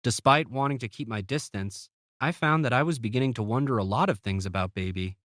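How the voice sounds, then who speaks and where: A man's voice: mid-range voice, brisk, fairly bright tone, dry recording. A man narrating a novel in the first person, with a wry, dry sense of humor. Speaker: audiobook narrator.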